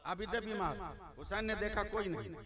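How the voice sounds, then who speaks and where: An older male preacher giving a religious oration, swinging from soft talk to fervent shouting. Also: high voice, normal speed. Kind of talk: Urdu-Hindi religious oration. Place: outdoor religious gathering. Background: large crowd.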